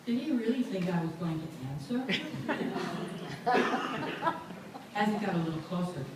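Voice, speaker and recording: A woman reading a memoir aloud at a book launch event, with lively, amused storytelling. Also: on the low side, background noise. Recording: echoey room, far from mic.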